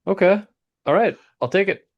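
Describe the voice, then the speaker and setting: A man's voice: sits high, normal speed, muffled recording. Sleepy, joking male podcast co-host. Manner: jokey, self-deprecating, laughs often. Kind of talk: casual podcast banter.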